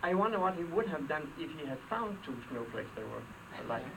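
Older Danish-accented man, after-dinner humorist, wry and dry, a bit high, heard from a distance with noise. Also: sing-song, fairly quick. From Denmark. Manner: dry, wry storytelling with comic asides. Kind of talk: humorous luncheon speech. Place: hall with a live audience. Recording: distant mic, clear background noise.

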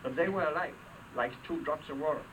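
This older Danish after-dinner speaker, with a Danish accent and a brisk voice on the high side, delivers a funny luncheon speech. He recounts stories dryly and wryly, slipping in comic asides. A distant mic records him in a hall before a live audience, where background noise is clear.

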